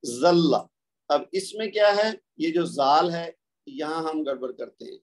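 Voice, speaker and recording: A man with a Pakistani Urdu accent giving a recorded tajweed lecture, patiently explaining word pairs and slowing down to contrast them. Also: on the high side, lively intonation. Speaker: Quran recitation teacher.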